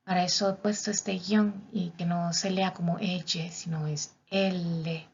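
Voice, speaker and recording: A woman's voice: fairly low pitch, steady tone, normal speed, gravelly, darkish tone, slightly rough. A woman teaching a language lesson, carefully spelling out each letter and example word. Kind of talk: slow, methodical teaching. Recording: dull, lo-fi recording.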